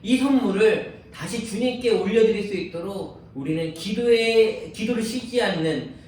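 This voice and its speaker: A man's voice: high-pitched, normal speed, darkish tone, a little hiss or hum. A man preaching a sermon as pastor, earnest and pleading, acting out prayers as he speaks. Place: church sanctuary. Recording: echoey church hall, distant mic.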